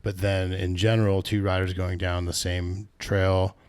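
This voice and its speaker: A man's voice: low voice, flat delivery, a little slow, darkish tone, smooth. A man co-hosting a casual podcast, talking in a rambling way, often correcting himself and laughing at his own stories. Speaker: podcast co-host, bike shop staff. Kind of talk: casual chat.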